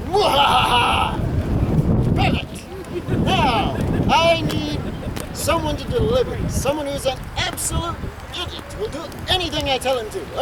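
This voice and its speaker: A man playing a greedy, gleeful scheming servant in a live outdoor comedy, speaking with slow theatrical villainy. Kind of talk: live outdoor commedia dell'arte comedy performance. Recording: very noisy outdoor recording with wind rumble.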